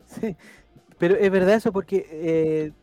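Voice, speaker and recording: A man's voice: high-pitched, a little slow, mellow, faint music behind. A man hosting a casual panel chat, joking and reading out viewers' comments. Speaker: host.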